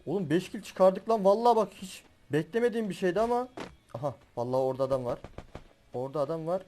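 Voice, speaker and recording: A young man commentates his own battle royale gameplay with a fairly high voice. He is excitable and laughs and swears as the match goes on. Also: fast. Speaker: gaming YouTuber.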